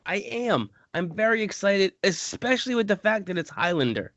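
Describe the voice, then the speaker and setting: A man's voice: sits high, moderate pace, dry recording. Man, podcast co-host, casual rambling chat, restarts sentences, dry close sound, slightly dull lo-fi audio. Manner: rambling, self-correcting, animated bursts. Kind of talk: casual chat about a tabletop game.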